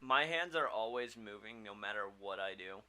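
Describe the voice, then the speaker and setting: A man's voice: on the low side, expressive, moderate pace, pushed and bright, smooth. An easygoing man co-hosting a casual chat with friends. He keeps the conversation moving, inviting others to talk and riffing along with them. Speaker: podcast co-host.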